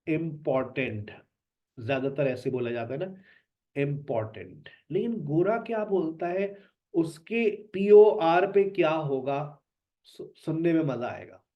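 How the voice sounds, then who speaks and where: A man teaching an online spoken English lesson, repeating words with emphasis to drill them. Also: mid-range voice. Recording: dull lo-fi sound.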